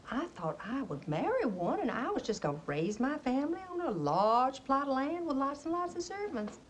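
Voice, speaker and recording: Playing a faded Southern belle mother in a stage play, this actress gives a middle-aged, genteel, nostalgic character a chattering American Southern accent and theatrical laughter. Her voice is on the high side, with slight background noise.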